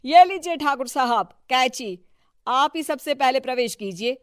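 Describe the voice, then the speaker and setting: A woman voicing a deferential, flattering townsperson in a cartoon story, with an effusive, fawning manner. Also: sits high, a little slow, smooth, dry recording, clean studio sound, pitched above the performer's own voice. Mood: fawning welcome. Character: deferential, flattering townsfolk seeking the politician's favour. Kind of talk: scripted cartoon story dialogue.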